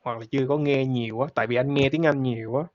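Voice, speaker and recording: A man hosting a podcast, chatting casually and rambling in a relaxed way, laughing easily. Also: medium pitch, fast talker. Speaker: podcast host. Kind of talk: casual chat. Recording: dull lo-fi sound.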